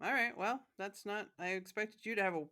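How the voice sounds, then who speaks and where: A woman from Michigan hosting a podcast in casual chat, talkative and quick to laugh, with plenty of fillers. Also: mid-range voice, bright, forceful tone. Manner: chatty, laughs often, many fillers. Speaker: podcast host.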